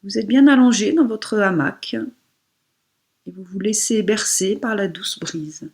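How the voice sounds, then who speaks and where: This woman guiding a relaxation meditation as a yoga instructor has a mid-range voice with lively intonation, yet keeps it soft and breathy. Her instructions are soothing and unhurried, punctuated by pauses.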